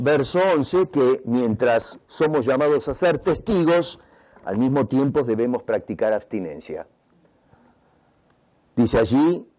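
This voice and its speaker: Male pastor, lively emphatic sermon delivery, warm mellow tone. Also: mid-range voice. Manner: preaching with emphatic, rising and falling delivery; stumbles and restarts over words.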